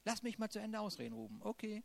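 Man, preacher, high voice, conversational sermon, playful humor. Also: very animated, fast talker, gravelly.

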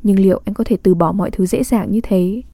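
A woman reading a literary diary aloud in a calm, measured, intimate way. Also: mid-range voice, dry recording, studio quality. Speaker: reader.

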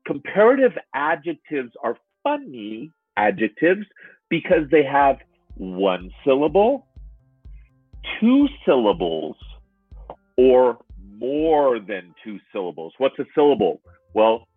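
A male English tutor speaks very slowly, stretching and repeating each example with a lively, up-and-down delivery. His voice is a bit husky. The sound is dry and narrowband, like a muffled call recording. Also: medium pitch, no echo, faint music behind. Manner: animated, stretches and repeats words for learners. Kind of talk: slow, drawn-out teaching with examples. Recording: muffled, phone-like online lesson audio.

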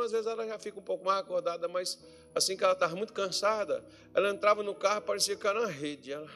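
A male pastor preaching a fervent sermon, dropping to hushed asides and then rising to shouts. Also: high voice. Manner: fervent, swinging between hushed talk and shouting. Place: church meeting hall.

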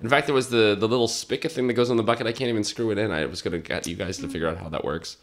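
A man's voice: fairly low pitch, rapid-fire. A man co-hosting a podcast, joking around and laughing in casual chat. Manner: jokey, laughs often. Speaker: podcast co-host.

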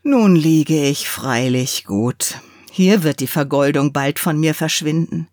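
A woman reading a fairy tale aloud and voicing a proud mahogany spinning top who boasts and woos in a slightly lower voice. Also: slow pace, darkish tone, dry recording, studio quality. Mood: sighing.

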